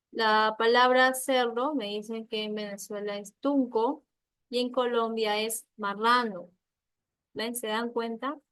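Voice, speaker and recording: A woman from Peru with a Peruvian accent teaching an online class, explaining step by step and often checking with quick tag questions. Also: on the high side, a bit bright, no echo. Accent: Peruvian Spanish.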